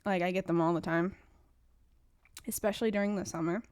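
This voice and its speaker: With a fairly low, steady voice that is a little fast and darkish in tone, this podcast host rambles through a chatty, casual episode. She sounds congested and stuffy and often restarts her sentences, and the studio-quality recording has no echo.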